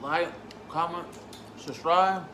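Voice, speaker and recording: A man with a slightly high voice gives an informal food review while he eats, savoring with appreciative hums. The recording is roomy and echoey, with clear background noise. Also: steady tone, slow. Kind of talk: casual food review vlog, eating while talking.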